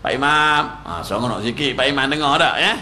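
A man's voice: medium pitch, fast, slight background noise. A man with a Malaysian Malay accent giving a mosque lecture, telling a story and acting out the quoted lines. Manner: animated storytelling, acts out quoted speech. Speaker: religious teacher. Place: prayer hall.

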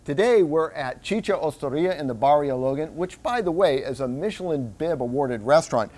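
A man's voice: on the high side, expressive, brisk, a little mellow. A middle-aged man hosting a TV cooking segment in a restaurant kitchen, chatty and joking. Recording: background music under the talk.

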